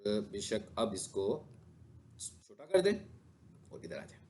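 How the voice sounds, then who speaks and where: A man's voice: lowish voice, very animated, slow, a little mellow, a little hiss or hum. A male instructor giving a classroom lecture with a screen demo, often asking his students questions and then answering them himself. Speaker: digital marketing instructor.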